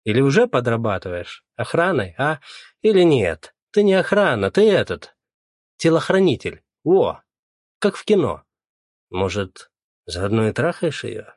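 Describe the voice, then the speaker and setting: A man's voice: fairly low pitch, sing-song, normal speed, no room sound, studio quality. A man voicing an angry, sarcastic male police colleague in an audiobook. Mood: mocking. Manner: loud, needling, sarcastic.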